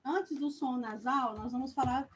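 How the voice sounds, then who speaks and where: A woman with a Brazilian Portuguese accent teaching young children in a live online lesson. She speaks slowly and deliberately, stretches her words, and checks in often with "ok?". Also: sits high, noisy background. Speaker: primary school teacher.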